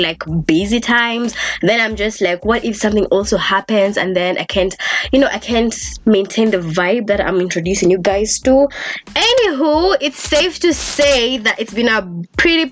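A young woman hosting a casual solo podcast, talking in a chatty, animated way and swearing freely. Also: fairly high pitch. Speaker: podcast host.

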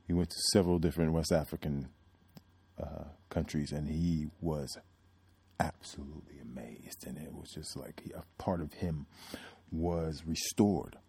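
A man hosting his podcast in a casual, reflective monologue, pausing often with ums and restarting sentences. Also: very deep voice, fairly even intonation, creaky, warm tone, slightly rough. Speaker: podcast host.

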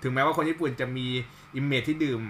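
A man's voice: medium pitch, fairly even intonation, brisk, a bit bright, slight background noise. A man hosting a casual podcast with friends, reading out facts politely to listeners and then joking loosely and swearing with his guests. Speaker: podcast host.

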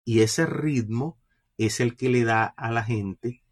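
A man hosting a public speaking podcast, teaching straight to the listener and swinging his loudness and pace to demonstrate. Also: mid-range voice, slow pace. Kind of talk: instructional podcast talk.

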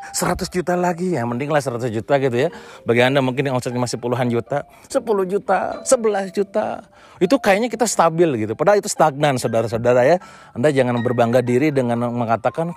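A man's voice: sits high, a little mellow. A man giving a motivational business lesson as a coach, blunt and slangy, addressing his listeners directly.

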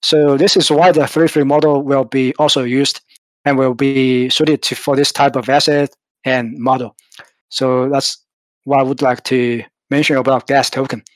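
A man's voice: mid-range voice, flat delivery, normal speed, no echo, rough recording. A man on a crypto community call, explaining a token design in a hesitant way with many fillers. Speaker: project team member explaining tokenomics. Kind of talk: casual AMA explanation.

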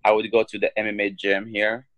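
A man in his twenties from Morocco, a guest on a podcast, telling his story in a halting way with many ums and restarts. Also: lowish voice, completely flat delivery, fairly bright tone, no room sound, low-quality recording. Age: 20s. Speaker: guest, professional fighter. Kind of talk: casual interview talk.

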